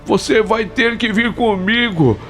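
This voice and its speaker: A man's voice: high voice, measured pace, a bit bright, soft background music, voice pushed up. A man voicing the rotting ghost of a drowned man, commanding and accusing in a storytold ghost tale. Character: rotting drowned male ghost, authoritative and vengeful.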